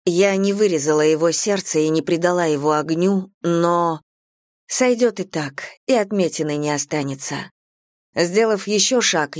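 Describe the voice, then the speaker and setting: Woman audiobook narrator, first person, measured and dramatic, lower voice, very dry close sound. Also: no echo.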